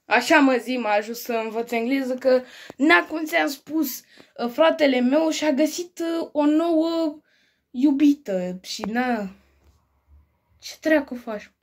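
A woman acting out a family comedy sketch, quick and bickering, with frequent swearing. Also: high voice. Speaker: sketch comedian playing several family roles.

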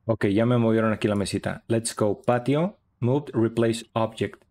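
A man's voice: lowish voice, moderate pace, darkish tone. A young man, giving chatty, upbeat running commentary while streaming a horror game. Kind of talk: live gaming stream commentary.

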